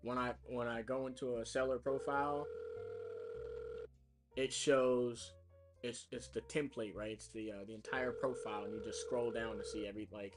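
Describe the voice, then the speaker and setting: A man's voice: medium pitch, fairly even intonation, normal speed. A man live streaming his cold calls, chatty and full of fillers as he explains what he's doing. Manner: chatty, explains as he works, many fillers and restarts. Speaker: real estate caller livestreaming his work. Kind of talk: casual live stream talk. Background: music.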